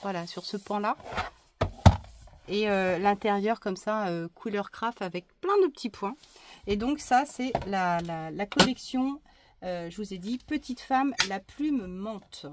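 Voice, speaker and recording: A woman talking casually through a crafting haul, chatty and hesitant with many fillers and restarts, often dropping into soft asides. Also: medium pitch, measured pace, heavy background noise. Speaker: crafting vlogger.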